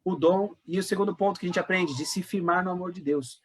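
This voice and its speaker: Husky-voiced pastor teaching a class. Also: male voice, high-pitched, quick pace. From Brazil. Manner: conversational, repeats words, questions the class. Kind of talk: informal Bible study teaching.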